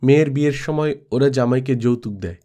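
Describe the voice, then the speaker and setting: A man with an average male pitch reads a classic audiobook like a storyteller, delivering composed literary prose from a script. His pace is fairly quick and his tone warm.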